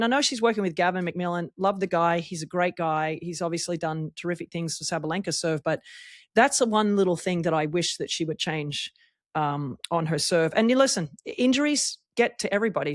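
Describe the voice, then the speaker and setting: A middle-aged woman hosts a casual podcast chat with a fairly low voice. She talks frankly and teases her guest, and the recording sounds dry and close. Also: fast talker, dry recording. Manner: frank, swears, teasing. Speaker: podcast host and former tennis player.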